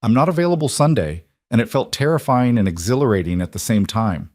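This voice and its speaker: A man voicing a guarded woman CEO who speaks quietly and earnestly, in a storybook narration. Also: medium pitch, lively intonation, brisk, no echo, clean studio sound, close to an everyday voice. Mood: tender.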